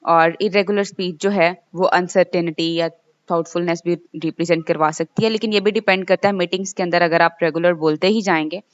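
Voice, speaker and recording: A woman giving a recorded lecture. She reads English passages slowly, then explains them loosely, often checking with "okay?". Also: fairly low pitch, fairly even intonation, dry recording. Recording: dull lo-fi dry recording.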